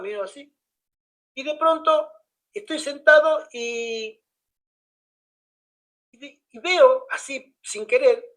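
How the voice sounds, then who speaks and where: A man tells a story in an easy, conversational way. He jumps into the voices of the people in it as he goes and keeps the telling lively. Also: high-pitched, rough recording. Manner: animated, acts out the dialogue of others. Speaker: pastor.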